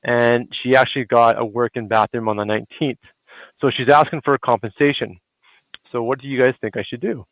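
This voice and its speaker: A Canadian man hosts a relaxed live discussion over a video call, talking in a loose, chatty way full of fillers. His audio is dull and lo-fi, and the sound is dry. His pitch sits in the middle. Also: brisk, dry recording. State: a little out of breath. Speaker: host. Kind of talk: casual live video chat. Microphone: phone hotspot on a video call.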